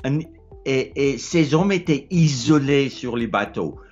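A middle-aged South African man with an Afrikaans accent, speaking French as a second language, casually offers advice about his life as an explorer. His mid-range voice is animated and a little mellow, but he hesitates, repeats words and gropes for the right ones. It was recorded on a phone held close at a low angle in an indoor room with a wooden ceiling, with the highs cut off and soft music in the background.

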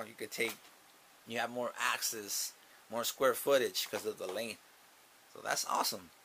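Recorded by an overhead camera with slight background noise, a young man unboxes something in his small grow tent for his gardening channel. His mid-range, slightly bright voice stays upbeat and casual, repeating itself as he thinks aloud.

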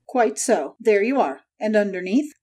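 A woman voicing a hot-tempered male poultry salesman, gruff and combative, in a dramatic audiobook. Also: medium pitch, lively intonation, moderate pace, warm tone, natural voice. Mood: smug, challenging. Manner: gruff, combative, snapping delivery.

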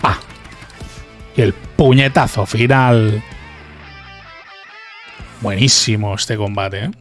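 Casual gaming host from Spain, chatty commentary with tag questions, faint music under him. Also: male voice, lowish voice, takes it slowly. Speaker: gaming youtuber. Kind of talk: let's play commentary.

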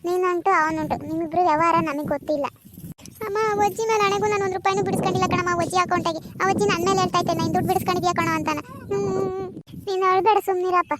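A very high, oddly flat cartoon village mother who defends her son. She talks quickly and does not let up. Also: very noisy. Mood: indignant. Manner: indignant arguing. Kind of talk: cartoon comedy voice acting.

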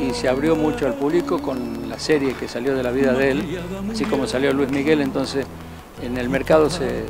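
An older man, a singer being interviewed, talking in a casual, hesitant way with many fillers and repeated words, into a handheld mic in a restaurant. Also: mid-range voice. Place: indoor restaurant, large room. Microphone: handheld mic held by the interviewer.

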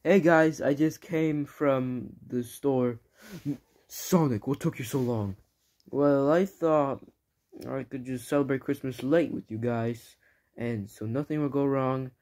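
A man's voice: mid-range voice, a little slow, a little mellow, lightly acted. A young man voicing a cocky young male hedgehog hero in a casual, upbeat way for a homemade comedy skit.

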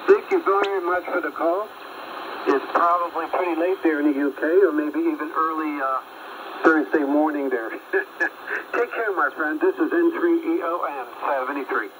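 A man making a friendly, relaxed amateur radio contact, heard through a shortwave receiver with a mistuned sideband. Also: fairly high pitch, moderate pace. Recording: static-heavy shortwave radio reception.

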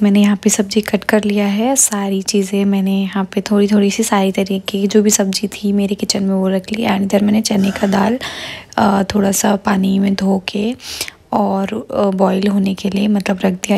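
A woman talking through a home cooking recipe step by step, speaking softly and slowly because a child is asleep beside her, with fillers and self-corrections. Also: medium pitch, creaky, breathy edge. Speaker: vlogger. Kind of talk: cooking vlog narration.

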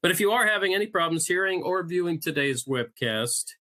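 A man's voice: sits high, animated, brisk, pushed and bright. A man, a magazine editor, opening and hosting a webinar with a scripted introduction and a light joke now and then.

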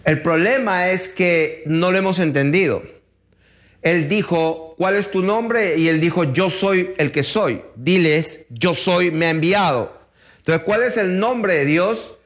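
Guy teaching scripture real slow, kinda high voice, lots of pauses. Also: fairly bright tone. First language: not Hebrew. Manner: reads scripture aloud, then explains it slowly with pauses. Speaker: Bible teacher.

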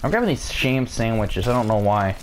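A man's voice: fairly low pitch, very animated, a little fast, slight background noise. A young man giving casual, swear-heavy, joking commentary while playing a game at home. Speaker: gamer. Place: home room with open window. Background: cars passing outside.

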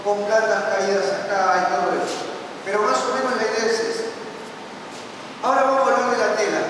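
A high-voiced man with a Rioplatense Argentine Spanish accent, a puppeteer, teaches a workshop in an outdoor town square. He trades playful, teasing banter with the children, while crowd and street noise fill the recording.

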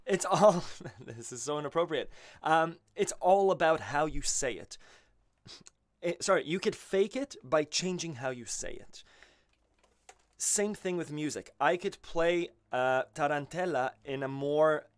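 Speaking a little slowly in a slightly high voice, this man in his thirties, an accordion teacher, chats animatedly and casually on a live stream while frequently correcting himself. His own accordion plays under his voice, picked up by a studio mic on a stand in his small home studio.

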